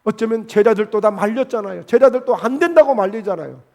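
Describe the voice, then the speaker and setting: Male pastor, high-pitched, preaching in church and acting out the voices in his stories. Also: fast, gravelly, a little mellow. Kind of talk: sermon. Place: church sanctuary.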